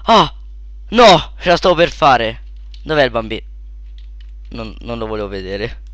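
A young man giving casual let's play commentary, shouting at sudden deaths and then muttering quietly to himself, close to a desk mic. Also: unhurried, no echo, highs cut off. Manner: excitable, yelps and shouts at in-game deaths, then mutters low.

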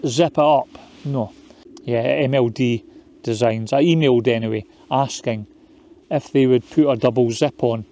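A man in his forties, an outdoor vlogger, chats to his camera beside a small tent on moorland and later inside it at night. His medium-pitched voice is relaxed and matter-of-fact, the easygoing talk of someone used to camping out in a casual camping vlog.

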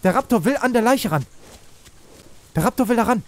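Ein Mann, der aufgeregt ein Spiel kommentiert, in Panik ruft und fleht und viel Jugendslang benutzt. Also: male voice, very high voice, fairly quick. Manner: excitable, shouts and pleads in panic, youth slang. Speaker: let's play host. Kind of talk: excited gaming commentary.

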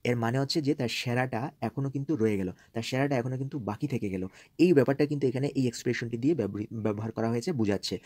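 Male teacher, mellow voice, dry close sound, slow careful reading of phrases, repeats key words. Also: mid-range voice, no echo. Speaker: English teacher. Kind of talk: explaining newspaper English in Bengali.

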